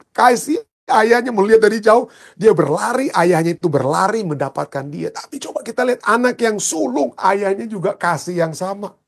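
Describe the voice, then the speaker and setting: A man's voice: high-pitched, creaky, slightly rough. A man preaching a sermon as a pastor, emphatic, often asking the congregation a question and answering it himself.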